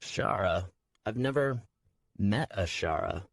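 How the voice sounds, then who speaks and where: A man's voice: lowish voice, lively intonation, slow pace, dry recording, studio quality, heavily acted. A man doing a cocky young castle guard. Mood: teasing. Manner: teasing, confident. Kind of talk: audiobook character voice.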